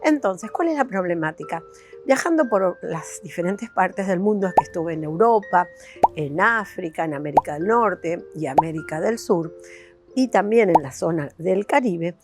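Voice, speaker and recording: A life coach and video host from Buenos Aires, Argentina, chats casually and directly to the viewer, rambling and throwing in questions in her Argentine Buenos Aires accent. Her lowish voice is animated and moderately paced, with loud music behind it.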